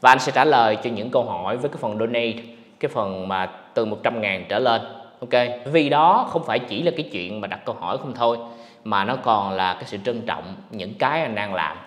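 A man hosting a casual livestream podcast, talking in an animated, ranting way to his viewers. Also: on the low side, fairly quick. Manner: animated, ranting, mocks others in put-on voices. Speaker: podcast host. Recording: echoey room with long reverb.

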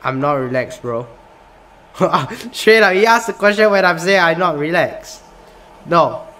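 On the high side and expressive, this young man's fairly bright voice moves at a measured pace. He's a gaming YouTuber from Singapore giving casual commentary from a small room, reading the game's questions aloud and tossing in plenty of "bro."

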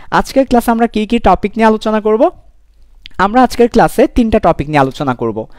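A young man teaches a chemistry class online. His fairly high voice swings up and down constantly as he repeats key points and teases his students playfully. The sound is dry and close. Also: no echo. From Bangladesh. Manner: animated, repetitive, playful teasing. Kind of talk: live online lecture.

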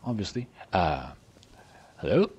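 A man's voice: low-pitched, sing-song, unhurried, a little mellow, lo-fi sound. A man casually commenting on his gameplay, chatty and playful, often dropping to a whisper. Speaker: let's play gamer.

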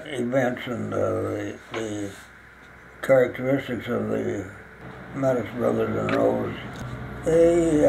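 Gravelly very old man, halting. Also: mid-range voice, darkish tone, a little hiss or hum, rough recording. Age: very old, about 102. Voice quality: gravelly, aged voice. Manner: halting, searching for words, stammering. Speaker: interviewee recalling local music history. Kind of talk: reminiscing interview. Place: small living room, indoors.

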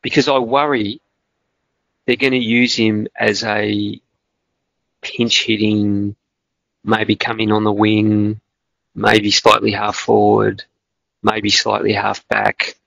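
A man's voice: on the low side, level tone, slow, gravelly, long pauses, a bit bright, no room sound. A man co-hosting a casual Australian football podcast, hesitant and rambling with many restarts, on a dull, dry lo-fi recording. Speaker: podcast co-host.

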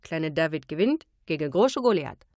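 A woman voicing a slight, kind-hearted male Vietnamese cook who speaks in broken grammar, loud and punchy. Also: low voice, big pitch swings, normal speed, no room sound, studio quality. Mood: rallying.

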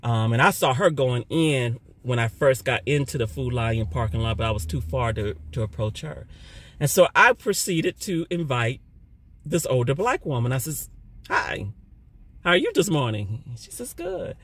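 A middle-aged man giving a casual spoken testimony, talking loudly and telling his story with energy. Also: mid-range voice, normal speed. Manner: loud, animated storytelling. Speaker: churchgoer sharing a testimony.

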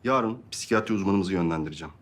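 An actor playing a calm doctor explaining a patient's condition in a measured way. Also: male voice, low voice. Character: calm hospital doctor briefing a patient's father.

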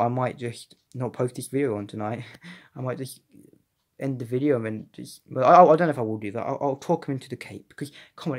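A young man chatting casually as he reviews a collectible figure, excitable and rambling with frequent restarts. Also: medium pitch. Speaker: toy reviewer. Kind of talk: casual unboxing vlog.

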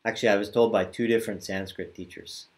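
A man teaching yoga mantra chanting over a video call, drawing out the chants slowly and talking more quickly between them. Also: lowish voice, steady tone. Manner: slow drawn-out chanting, quicker casual asides.

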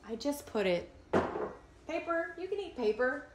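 A young woman vlogger chats in a high, sing-song voice at a moderate pace, tossing in self-mocking asides as she cooks in her home kitchen. A camera mic a few feet away catches the echoey room and faint cooking sounds.

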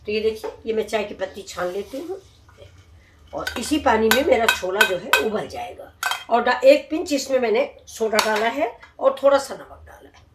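Her voice sits on the high side with a sing-song lilt and normal speed as this cooking channel host walks viewers through each step. She films in a tiled home kitchen, and the recording is echoey with noise.

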